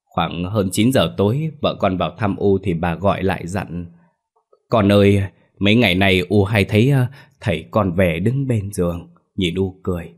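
A man voicing a middle-aged son in a ghost story, choked with tears, stammering and breaking into shouts. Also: deep voice, normal speed. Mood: recounting. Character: grieving middle-aged son, tearful then astonished.

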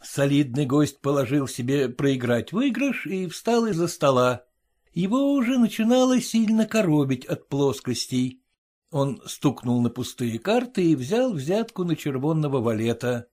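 A man reading a classic story aloud in a steady, measured narrating voice. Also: a little high. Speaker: reader.

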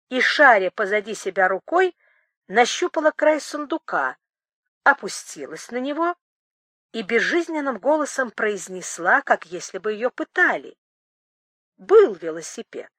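Bright-voiced woman reading a novel aloud. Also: mid-range voice, very animated, moderate pace, dry recording. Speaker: audiobook reader. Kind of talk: literary audiobook narration.

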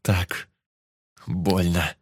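A man's voice: on the low side, takes it slowly. A man voicing a despairing, guilt-ridden young male hero who cries out in anguish. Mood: broken despair. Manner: anguished shouting.

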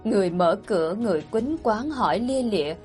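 A woman narrates an audiobook in a steady, even storytelling voice. Her pitch sits in the middle of the usual range for a woman, and faint music plays behind her. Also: fairly quick. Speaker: storyteller, channel host.

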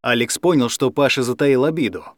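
A man narrating an audiobook in a lively, dramatic storytelling manner. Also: mid-range voice, a little fast, no room sound, clean studio sound.

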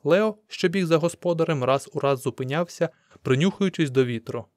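A man narrating an audiobook in a steady, measured reading. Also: fairly high pitch, dry recording, clean studio sound. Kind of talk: scripted narration.

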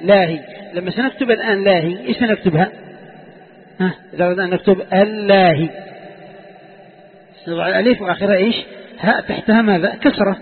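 A man's voice: sits high, slightly rough. A man teaching a classroom lesson on Quranic exegesis, repeating questions to his students and dictating sentences for them to write down. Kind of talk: classroom lecture with call-and-response questions. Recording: tinny lo-fi lecture recording, long hall reverb.

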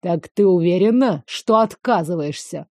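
A woman voicing a cruel, obsessed young man who slowly growls out his threats in an audiobook. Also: mid-range voice, dark tone, dry recording, studio quality, lightly acted. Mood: menacing.

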